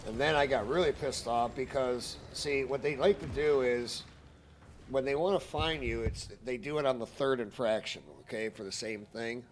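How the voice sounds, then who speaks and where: A man's voice: mid-range voice, moderate pace, a little hiss or hum. A man telling a story on a stream in a casual, heated, profane ranting manner.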